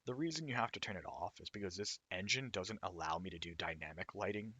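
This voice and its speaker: A man with a hoarse, raw throat, casually explaining his own game while he plays it. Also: deep voice, fast, pushed and bright, dry recording. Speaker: indie game developer. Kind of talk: let's-play commentary.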